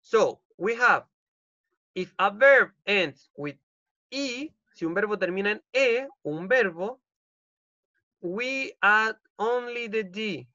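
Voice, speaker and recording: A man's voice: high voice, lively intonation, takes it slowly, sharp tone, no echo, highs cut off. A male English teacher with a Chilean accent, giving an online class and repeating each rule in Spanish with frequent "ok?" checks. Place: home. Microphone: computer mic on a video call.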